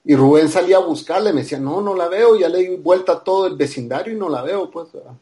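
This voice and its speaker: A man with a Guatemalan Spanish accent, a podcast guest, casually tells a personal story in a high, warm voice at a fast pace. He acts out the dialogue and keeps ending his lines with a questioning "ah."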